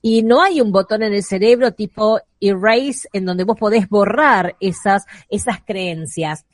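A woman's voice: medium pitch, a little slow, no echo, clean studio sound. A woman with an Argentine Spanish accent, explaining on a radio show how thoughts shape children's emotions, acting out little voices in her examples. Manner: uses voiced examples and asides. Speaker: guest speaker on parenting and emotions.

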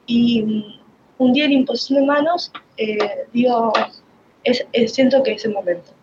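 A woman's voice: fairly high pitch, moderate pace, highs cut off, noisy background. A woman with a Rioplatense Spanish accent giving an emotional, rambling personal faith testimony, full of restarts.

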